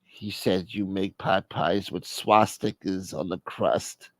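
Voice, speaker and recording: A man voicing an older gangster's mother who mumbles low and drags out her lines. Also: steady tone, slow pace, dry recording. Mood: brooding.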